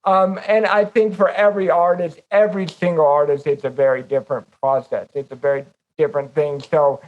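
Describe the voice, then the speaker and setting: A man's voice: on the high side, flat delivery, fairly quick, dull audio. A man co-hosting a podcast, talking in a reflective, rambling way about how he makes music. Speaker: podcast co-host. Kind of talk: casual conversation.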